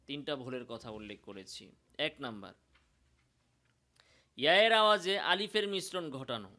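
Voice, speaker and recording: A man with a Bangladeshi Bengali accent teaching Quran pronunciation, explaining slowly and demonstrating sounds in drawn-out chanted examples. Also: on the high side, sharp tone. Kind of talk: recitation lesson.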